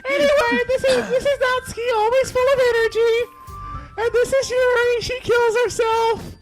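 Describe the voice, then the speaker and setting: A man's voice: very high voice, little pitch movement, moderate pace, over loud music, rough recording. A man voicing a bubbly, airheaded teenage girl as he reads a game script aloud with friends, talking in an eager, pleading way. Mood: excited.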